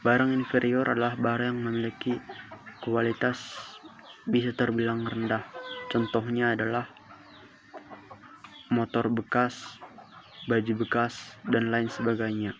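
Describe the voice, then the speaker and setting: A teenage student reads his homework assignment aloud, listing definitions and examples one after another. His voice stays flat and level throughout. The recording is dull and lo-fi, with clear background noise and chickens and a rooster audible behind him. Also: mid-range voice, measured pace, pauses often. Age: mid-teens.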